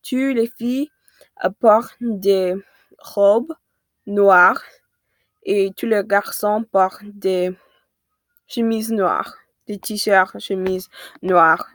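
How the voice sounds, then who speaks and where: A woman's voice: medium pitch, drawn-out words, pauses often, no echo. A seventeen-year-old woman with an American accent and native English, chatting casually to viewers in a second language, hesitating as she searches for words and corrects herself. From United States. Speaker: vlogger.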